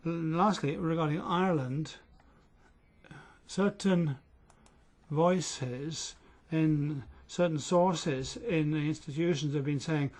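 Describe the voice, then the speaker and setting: At a parliament committee hearing, a man interprets in a steady, measured manner, though his pace is uneven. His voice is a little high.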